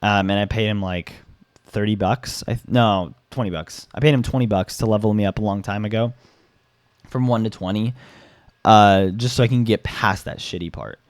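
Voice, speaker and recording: A hoarse young man giving his opinion in a casual vlog, rambling with many fillers and restarts and the odd swear. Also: fairly low pitch, moderate pace, no room sound. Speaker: gaming YouTuber.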